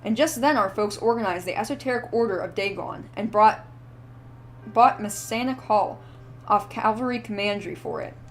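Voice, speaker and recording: A woman's voice: medium pitch, moderate pace, natural voice. A woman voicing a wheezy, ranting old drunk man who rambles feverishly in rustic old-timer speech. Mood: rambling. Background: faint background music.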